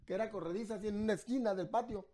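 A man's voice: sits high, racing, a crowd in the background. A man telling a story in casual chat, rambling and laughing along.

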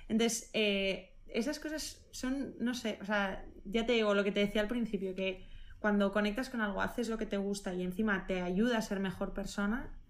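A woman nutritionist, answering interview questions casually and with enthusiasm. She thinks aloud, often rephrasing herself and filling pauses. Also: medium pitch, fairly even intonation.

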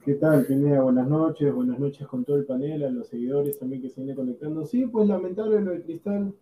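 Heated Peruvian man arguing football, high-pitched. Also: brisk, mellow. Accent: Peruvian Spanish. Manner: argumentative, repeats himself insistently. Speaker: football pundit. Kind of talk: heated podcast panel debate. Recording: distant, roomy, lo-fi mic with faint noise.

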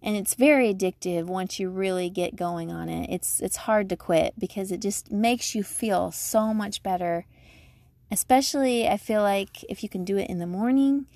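A woman's voice: medium pitch, normal speed, a little mellow, dry recording. A woman giving casual motivational advice like a vlogger, chatty, emphatic, upbeat and encouraging.

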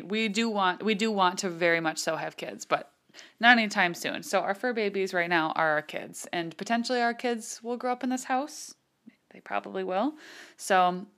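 A woman in her twenties with an American accent, a podcast host chatting solo in a gushing, informal way. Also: fairly low pitch. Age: 20s. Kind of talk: casual solo podcast chat. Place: home office.

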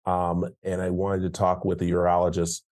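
A man's voice: low voice, completely flat delivery, moderate pace, a little mellow. A middle-aged man hosting a podcast, chatting casually about health, giggling and restarting his sentences. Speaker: podcast host.

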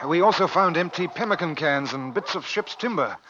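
An actor playing a sailor who gives a brisk, matter-of-fact report in an old-time radio drama. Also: male voice, on the high side, expressive, lo-fi sound, background noise, lightly acted. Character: male sailor back from a sledge search, plain and matter-of-fact.

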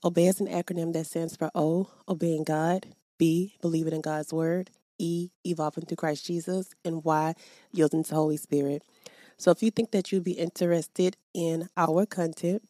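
This is an upbeat podcast host whose faith show mixes chat with spoken prayer aimed right at her listeners. She speaks into a podcast microphone, and her voice sits low with a dark tone.

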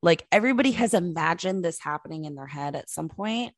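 A woman with a somewhat low voice chats casually with her co-host, telling the story behind each clip in an animated way. The sound is dry and close. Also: fairly quick, dry recording. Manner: animated storytelling, laughs often. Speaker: co-host showing videos. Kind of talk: casual podcast chat.

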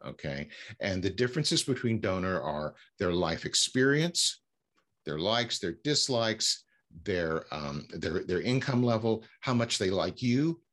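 A man's voice: deep voice, expressive, a bit bright. A man speaking as a fundraising consultant in an interview, explaining with frequent fillers and restarts. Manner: halting, many fillers and restarts. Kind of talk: conversational interview answers.

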